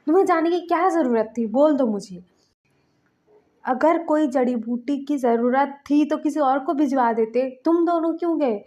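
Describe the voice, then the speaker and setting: A woman's voice: high voice, normal speed, darkish tone, highs cut off, lightly acted. A woman voicing a hot-tempered young man who scolds and threatens to protect his younger brother. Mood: angry, protective.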